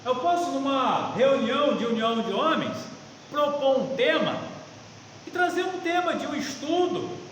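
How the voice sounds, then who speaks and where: A Brazilian pastor leads a Bible study, preaching conversationally and emphatically, repeating phrases and posing rhetorical questions. His voice is very high, expressive, a bit bright and slightly slow. The reverberant church meeting room sounds like a very echoey hall, with faint noise.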